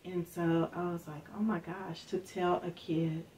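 A middle-aged woman from Northern Kentucky telling a personal story in an interview, soft-spoken, with many fillers, acting out the voices of the people she quotes. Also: lowish voice, flat delivery, a little slow. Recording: distant mic with faint background hiss.

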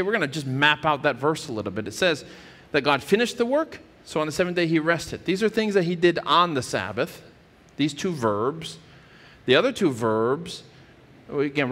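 Standing on a church stage with wood paneling behind him, a man in his thirties gives a sermon, working through scripture with earnest care and often restarting what he's saying. He sounds somewhat high and a bit bright, moving at a moderate pace with lively intonation. Church hall reverb colors the audio.

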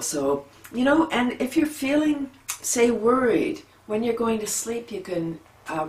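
A middle-aged woman leading a gentle relaxation lesson at home, talking softly and sighing out long breaths between exercises. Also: low voice, recorded from a distance. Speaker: laughter yoga leader. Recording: echoey room, a bit off-mic, faint background hum.

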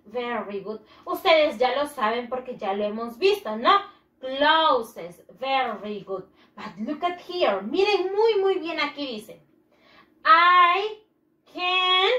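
A woman teaching an English lesson to young children, slowly repeating each phrase in two languages and encouraging them warmly. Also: high-pitched. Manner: encouraging, drawn-out teacherly emphasis. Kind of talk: bilingual classroom lesson video. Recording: echoey room, distant mic.

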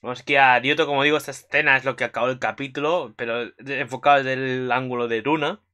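His voice is medium in pitch and his pace is quick. He's a vlogger rambling through a casual anime episode recap, excitable and full of fillers.

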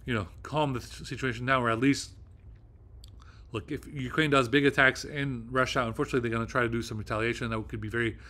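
A man's voice: medium pitch, steady tone, fast talker, pushed and bright. A man hosting his own video, talking off the cuff in a rambling, agitated way, with heavy fillers and swearing. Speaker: video host. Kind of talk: casual monologue.

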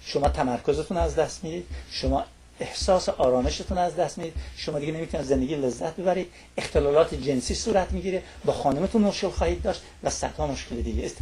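This studio guest on a talk show has a fairly high, slightly mellow voice with a breathy edge. He lectures in long lists and keeps checking that his listener is following by using little tag questions.

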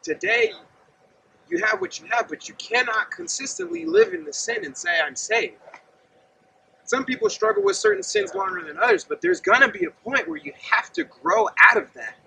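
Heavily gravelly and very high, this thirtysomething man's voice has a bright, tense edge and lively shifts in pitch as he preaches earnestly and conversationally at a moderate pace. He's standing outside by a gravel lot and fence, some distance from the camera, with a faint open-air hum behind him.

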